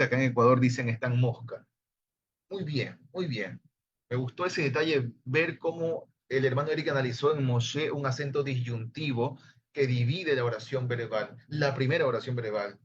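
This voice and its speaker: A man's voice: medium pitch, fairly bright tone, husky. A man teaching a Hebrew grammar class online, explaining patiently and addressing his listeners as brothers. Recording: slightly dull online class audio.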